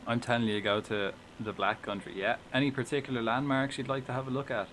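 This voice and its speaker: A man's voice: medium pitch, flat delivery, fast talker, a bit bright, slight background noise. A man with an Irish accent giving casual, rambling live commentary while he plays a flight game, swearing and chatting back to viewers.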